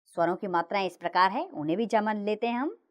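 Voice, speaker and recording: A female teacher narrates a children's grammar lesson, reciting letters slowly and clearly. Her pitch is lively, rising and falling in a sing-song way.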